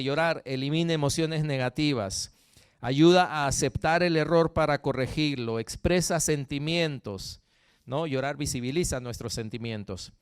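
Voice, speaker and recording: A Peruvian man preaching a sermon as pastor, animated and jokey, often checking in with the congregation. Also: a little high, smooth, no echo, clean studio sound. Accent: Peruvian Spanish. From Peru. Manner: animated, jokey, frequent tag questions to the congregation.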